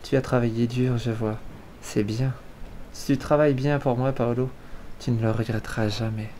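A gracious, wealthy countess speaks softly and evenly in this storybook reading, voiced by a man. Her lines come low and measured, at an ordinary pitch. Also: steady tone, slight background noise, close to an everyday voice. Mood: gentle. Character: gracious wealthy countess, woman, middle-aged.

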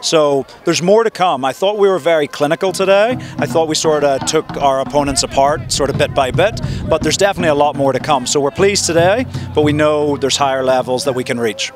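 A man in his thirties, a head coach, giving a measured, reflective post-match interview outdoors, speaking into several handheld reporter microphones. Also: on the high side, over music. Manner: measured, reflective, frequent "you know" and "look". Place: outdoors at a stadium in front of a sponsor backdrop. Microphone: several handheld reporter mics held close.

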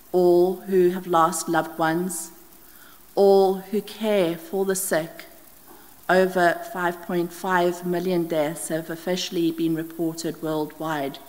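Slow woman reading church prayers, reverberant hall. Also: lowish voice. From Scottish Highlands. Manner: slow, steady reading from notes with small slips. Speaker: prayer leader. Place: church hall with brick wall, indoors. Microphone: stand mic at lectern, wide camera.

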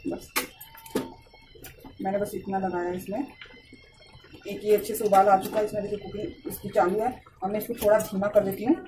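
A young woman chatting softly and slowly while she cooks in her home kitchen, recorded on a phone. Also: mid-range voice, far from the mic, background noise. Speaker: cooking vlogger. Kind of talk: casual home cooking vlog.

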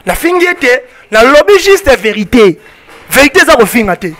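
High, bright-voiced Congolese man, fiery. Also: very animated. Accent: Congolese French with Lingala. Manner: emphatic, rapid French-Lingala mixing, repeats "on se comprend". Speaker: fan club spokesman. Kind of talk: heated interview answers. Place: outdoor porch of a building. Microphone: handheld mic held by interviewer.

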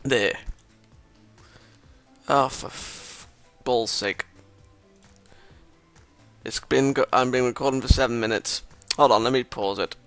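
A man's voice: mid-range voice, measured pace, pauses often, a bit bright, smooth, faint music behind. A man reading a visual novel aloud with commentary and sarcastic, self-mocking asides. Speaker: gameplay commentator.

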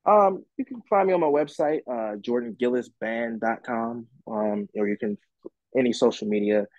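A musician man answering interview questions casually, relaxed and rambling with many fillers and restarts. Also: mid-range voice, moderate pace, dry recording, lo-fi sound. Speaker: musician guest.

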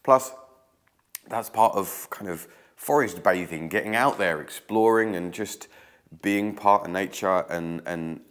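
This craft tutorial comes from a man in his thirties whose very low voice is croaky from a lingering cold, yet a bit bright. He talks chattily and a little slowly as he keeps weaving. The setting is an old room with stone walls, filmed by a camera placed across the table.

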